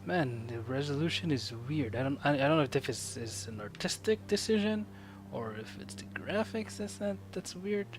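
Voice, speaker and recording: A young man streaming a story game live, joking and reacting loudly with muttered asides. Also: a little high, expressive, normal speed, a little hiss or hum. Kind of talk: casual live-stream commentary. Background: game music.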